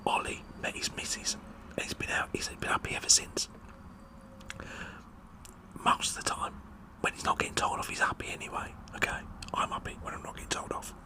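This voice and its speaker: Whispering in a breathy voice with a British accent, a man delivers a rambling, tongue-in-cheek ASMR monologue, often repeating words for effect. He speaks briskly but leaves long pauses.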